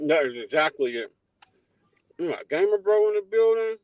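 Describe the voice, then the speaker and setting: A man's voice: sits high, sing-song, normal speed, darkish tone, a little hiss or hum. A man hosting a livestream in a casual, chatty style. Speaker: livestream host.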